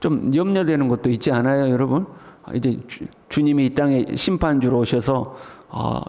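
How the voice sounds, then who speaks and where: A man preaching an early morning sermon as pastor, breaking into loud, excited exclamations as he voices calls to praise. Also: fairly high pitch, in a large hall. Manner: swings to loud excited exclamations when voicing the psalm's call to praise. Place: church sanctuary.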